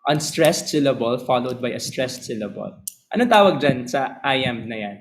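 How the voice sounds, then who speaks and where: A man teaching a class, switching between Tagalog and English, often asking the students whether they follow and reading verse slowly. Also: medium pitch, expressive, poor audio. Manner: slow, drawn-out reading of verse lines. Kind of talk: lecture mixing Tagalog and English.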